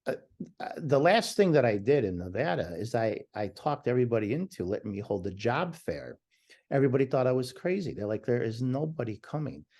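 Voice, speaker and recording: This podcast guest is a man with a loud, mid-range voice, lively intonation and a brisk pace. Speaking remotely in a conversational interview, he is passionate and emphatic and occasionally starts his sentences over.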